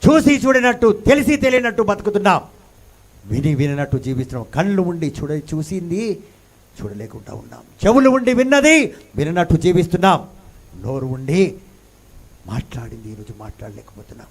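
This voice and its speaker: A male pastor delivers a sermon in a high, ringing voice. He piles up rhetorical questions, dropping to a hush and then rising loud again, and slips English phrases into his preaching. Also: very animated, fairly quick. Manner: dramatic rhetorical questions, swings from hushed to loud.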